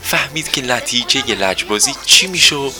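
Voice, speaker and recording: A man narrating a children's story in a gentle storytelling manner. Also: mid-range voice, animated, over music.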